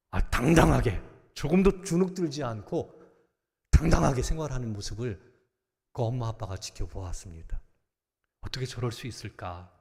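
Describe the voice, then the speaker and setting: A middle-aged man preaching a sermon in a big church sanctuary, his voice trailing off into a long reverb. He swings from loud, emphatic exhortation down to hushed, almost whispered lines, at an ordinary middle pitch for a man. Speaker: senior pastor.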